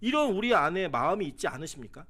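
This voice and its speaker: Young korean-church pastor guy preaching, voice way up high and bouncing all over, acts out people's lines. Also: quick pace. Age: young adult. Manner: animated preaching, acts out quoted voices with sharp swings between loud and hushed. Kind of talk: sermon. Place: church sanctuary.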